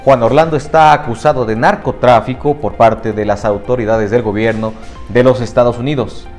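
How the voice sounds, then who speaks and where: A man's voice: medium pitch, fairly even intonation, moderate pace, a little mellow, soft background music. A man co-hosting a news podcast, reading international headlines with joking asides. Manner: joking, self-mocking asides. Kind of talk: news read with banter.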